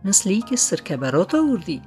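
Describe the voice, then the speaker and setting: A narrator voicing a playful, teasing young woman, raising the voice high and bright for her. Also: big pitch swings, faint music behind, close to an everyday voice. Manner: teasing, lilting.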